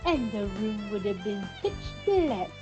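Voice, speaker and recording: A woman voicing a young male defense lawyer in a babyish, drawn-out voice, over game music. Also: medium pitch, sing-song, dull audio. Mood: babyish, accusing.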